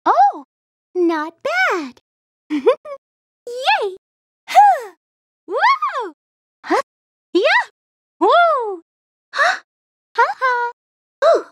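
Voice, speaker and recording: A woman's voice: extremely high pitch, huge pitch swings, drawn-out words, pauses often, noisy background, heavily acted. A woman voicing a sweet, perky young video game princess, exclaiming in short, bubbly bursts. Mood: cheerful.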